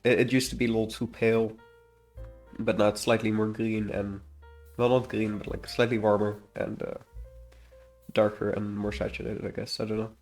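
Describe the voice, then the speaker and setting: An indie game developer presenting a devlog gives loose, unscripted commentary, rambling hesitantly and frequently trailing off. His slightly congested voice is lowish and darkish, with a level tone and moderate pace, and faint music plays behind him.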